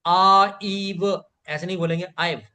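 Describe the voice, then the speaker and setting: A man's voice: on the high side, measured pace, fairly bright tone. A man teaching a live online spoken English class, patiently repeating phrases for learners to echo and praising students by name.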